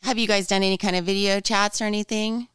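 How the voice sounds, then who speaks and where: A woman's voice: medium pitch, fairly even intonation, fast talker, fairly bright tone, clean tone, no room sound. A woman prompting with follow-up questions in a casual family interview at home.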